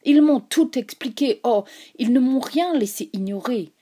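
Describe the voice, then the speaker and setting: A woman's voice: a little high, expressive, very slow, whispered, pitched above the performer's own voice. A woman reading aloud, voicing a despairing German officer who breaks into anguished cries. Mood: impassioned. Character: anguished German officer, man, middle-aged.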